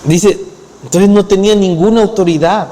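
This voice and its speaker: A man preaching a sermon in a church hall, his voice sitting a little high for a man. The sound carries a long reverb from the room. He retells scripture plainly and lifts his pitch as he drives a point home. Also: fairly even intonation, normal speed, warm tone. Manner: retells scripture in acted quotes, lowering his voice for them; rises in pitch when pressing a point. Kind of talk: expository sermon.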